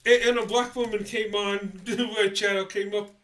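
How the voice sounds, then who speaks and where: Hosting a casual livestream despite a stuffy nose, this man talks in a rambling, halting way, full of fillers and false starts. His high voice has a sharp tone and stays level, moving at normal speed.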